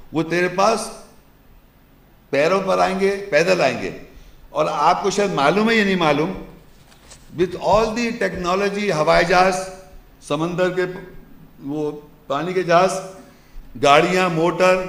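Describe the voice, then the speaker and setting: A man with a high, gravelly voice delivers a religious lecture, firing rhetorical questions at his listeners. He chants verses before explaining them in plain, forceful speech. The sound rings in an echoey room. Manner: emphatic, poses rhetorical questions to the audience. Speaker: Islamic lecturer.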